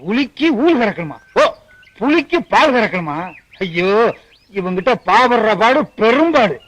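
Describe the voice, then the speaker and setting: An actor playing a grumpy middle-aged boss in a comic film scene, blustering and exasperated. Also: male voice, very high voice, very animated, unhurried, a bit bright, full character voice. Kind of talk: 1990s comic film dialogue.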